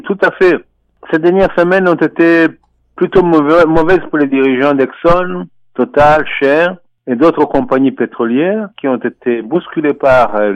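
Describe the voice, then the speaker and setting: A man commenting on finance and economics over a telephone line on a radio show, speaking in a measured, deliberate way with frequent hesitations. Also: a little high, dry recording. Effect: voice heard over a telephone line. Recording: muffled phone line, dry.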